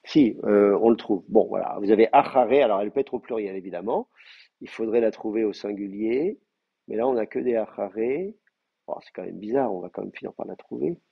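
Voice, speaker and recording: Husky low-voiced male teacher. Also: fairly quick. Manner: hesitant, thinking aloud with many fillers. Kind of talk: lecturing in a language class. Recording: muffled lo-fi class recording.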